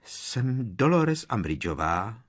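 A man voicing a shrill, haughty, pompous woman official in an audiobook reading. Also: big pitch swings. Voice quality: shrill, squeaky.

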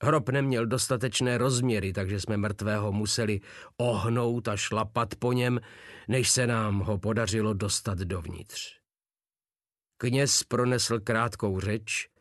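A man narrating a war novel as a first-person audiobook, in an even, measured reading. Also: lowish voice, no room sound, studio quality.

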